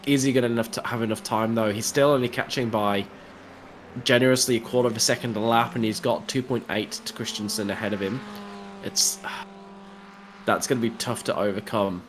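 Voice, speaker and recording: A man's voice: medium pitch, steady tone, brisk, background noise. A man giving chatty, jokey, analytical commentary on a sim race.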